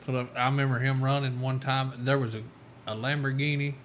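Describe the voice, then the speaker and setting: A man hosting a casual chat, easygoing and quick to agree. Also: mid-range voice, flat delivery, a little hiss or hum. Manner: easygoing, lots of short agreeing replies and laughs. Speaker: host.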